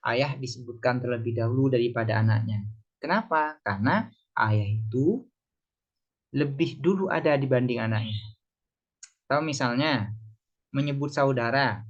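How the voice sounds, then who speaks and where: A man teaching a religious text lesson, reading Arabic phrases and translating them one by one, often asking himself why and answering. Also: medium pitch. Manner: explains phrase by phrase, asks and answers his own questions. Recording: slightly dull lo-fi sound.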